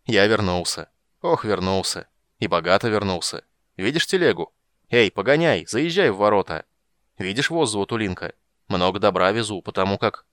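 A hearty middle-aged merchant, read by a male narrator in an audiobook, calling out loudly. His voice booms in a dry, close recording with no echo. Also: big pitch swings, moderate pace. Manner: loud, booming, hearty.

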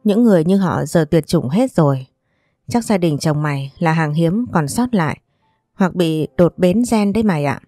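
A woman's voice: fairly low pitch, animated, moderate pace, dark tone, dry recording, soft background music. A woman voicing a joking young girlfriend. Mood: teasing. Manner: chatty, joking banter. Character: teasing young woman, the narrator's close friend.

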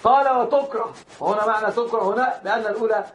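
This high-pitched man talks fast while lecturing students on Islamic law, speaking to them directly, restarting and repeating words, and chuckling now and then. The roomy, dull lo-fi recording carries a little hiss or hum.

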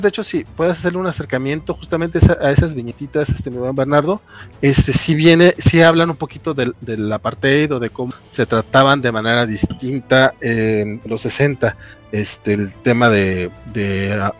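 A man with a Mexican accent, chatting casually on a livestream about comics, full of fillers and restarts. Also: mid-range voice. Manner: rambling with many fillers. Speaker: comic book reviewer. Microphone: remote call with lag.

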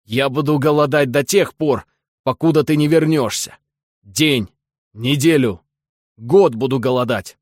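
A man voicing a self-pitying, theatrical middle-aged husband who whines in a drawn-out nasal tone, read as an audiobook character. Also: mid-range voice, no echo, studio quality, lightly acted. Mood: indignant.

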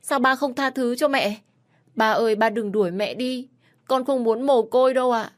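A woman's voice: fairly high pitch, moderate pace, pitched above the performer's own voice, natural voice. A woman voicing a young boy who pleads through tears, in a storybook reading with faint music behind. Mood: pleading.

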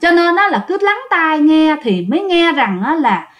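Chatty woman storyteller, fairly high and very animated, telling ghost tales to listeners. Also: normal speed. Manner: chatty, addresses listeners directly.

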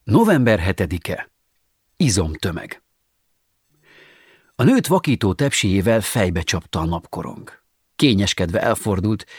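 A man reading short stories aloud in a measured, ironic way, as an audiobook narrator. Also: lowish voice, breathy edge, no echo, clean studio sound. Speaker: audiobook reader. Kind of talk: scripted narration.

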